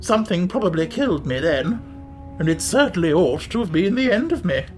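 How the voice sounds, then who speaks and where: A man putting on a squeaky, mournful Gump creature. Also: sing-song, a little fast, faint music behind. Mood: plaintive. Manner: formal, mournful phrasing. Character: squeaky-voiced huge flying Gump creature, melancholy, formal. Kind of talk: audiobook character voice.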